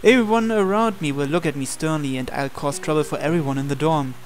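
Voicing the male protagonist, a man reads visual novel dialogue and narration aloud while game music plays behind him. His voice is on the high side, he moves at a quick pace, and a little hiss or hum can be heard.

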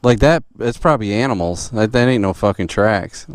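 A man's voice: lowish voice, normal speed. A man vlogging on a motorbike ride outdoors, talking in a blunt, teasing way with lots of swearing, recorded on a helmet camera. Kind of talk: casual outdoor chat. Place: outdoors in woods and open lots.

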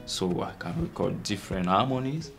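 A young Cameroonian man, a musician, answering interview questions in a halting way, with many fillers and restarts. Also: low-pitched, big pitch swings, creaky, fairly bright tone, faint music behind. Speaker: musician guest.

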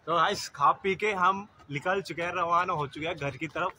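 A vlogger in his twenties holds his phone at arm's length and chats casually with viewers while joking with a friend, first outdoors at a concert hall and then inside a car. His voice sits high with a sharp tone at a moderate pace, and there's a little hiss or hum.

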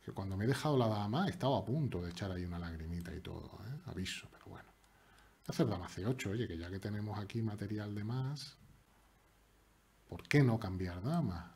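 A man commentates his own live chess game, his slightly husky voice swinging widely in pitch as he jokes. He teases his opponent and chats to his viewers in a playful, animated way. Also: a little fast. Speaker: chess streamer. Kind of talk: live commentary while playing online chess.

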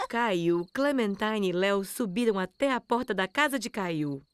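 A woman's voice: medium pitch, background noise. A woman narrator reading a scripted children's story for a cartoon.

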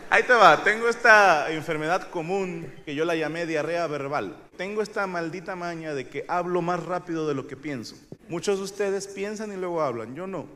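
A man with a Mexican accent doing a stand-up comedy routine, telling crude, profane stories at a rapid clip. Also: a little high, bright, forceful tone, long reverb tail.

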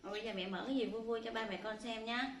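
A woman's voice: fairly high pitch, fairly even intonation, very fast, a bit bright, a little hiss or hum. A woman filming her pets, coaxing and affectionate, talking to them like small children. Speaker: pet owner filming her monkeys. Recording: echoey room with faint music.

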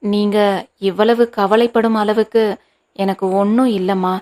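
Earnest, pleading son, voiced by a woman narrator, flat reading, audiobook. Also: medium pitch, measured pace, natural voice. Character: anxious, earnest grown son pleading with his mother.

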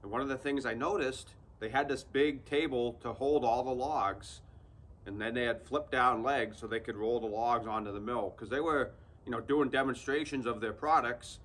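A mid-range, somewhat bright male voice belongs to a channel host in his thirties. Standing under an open sawmill shed in a wooded area, he guides viewers through a practical build in a relaxed, straightforward how-to vlog.

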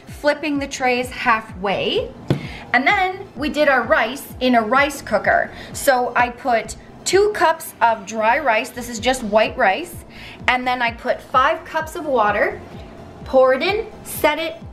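A vlogger in her thirties from Canada chats through a meal prep step by step in her home kitchen for a casual cooking vlog. Her voice is high and a bit bright.

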